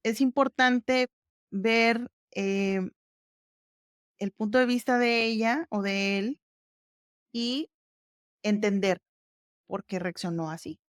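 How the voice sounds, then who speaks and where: A woman's voice: on the high side, takes it slowly, long pauses, clean tone, dry recording, studio quality. A woman hosting a podcast, explaining exercises step by step in a casual, conversational way. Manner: explains step by step, conversational, warm fillers like "ujú". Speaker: podcast host.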